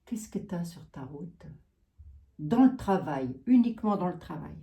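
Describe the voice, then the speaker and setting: A woman's voice: fairly low pitch, animated, unhurried, creaky, warm tone. A woman with a Lorraine accent giving a tarot card reading, musing aloud with trailing asides and frequent tags. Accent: Lorraine French.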